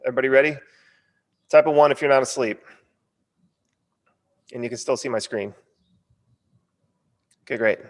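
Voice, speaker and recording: American male webinar coach, mid-pitched, punchy and chatty, slightly fumbling numb-lip diction, hall-like reverb. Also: normal speed, pauses often. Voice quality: stumbling, numb-lipped speech from a partly numb lip. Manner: informal, punchy, frequent check-in tags. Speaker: online course coach. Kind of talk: casual sales training webinar.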